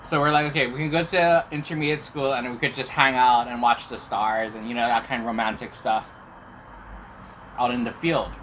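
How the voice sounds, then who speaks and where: A man's voice: mid-range voice, flat delivery, normal speed, fairly bright tone, low-quality recording. A middle-aged man telling personal stories casually to viewers, chewing while he talks. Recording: clear background noise.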